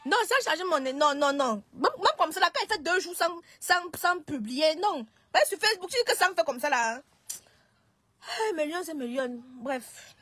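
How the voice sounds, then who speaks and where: High-voiced woman live streaming. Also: animated, moderate pace, fairly bright tone, no echo. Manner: hesitant, restarts and pleads. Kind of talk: casual live-stream talk.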